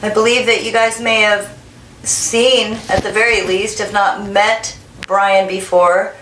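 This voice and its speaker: Even-toned woman questioning in an echoey room. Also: medium pitch, measured pace. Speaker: spirit box medium asking questions. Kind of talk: slow questioning in a spirit session. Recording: echoey room, faint background noise.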